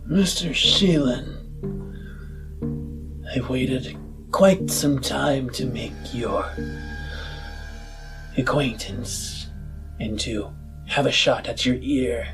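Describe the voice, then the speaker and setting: In a roleplayed audio drama, a man plays a courteous, earnest politician campaigning for power, speaking formally and deliberately in a medium pitch. His mood is courteous and persuasive, with music playing in the background.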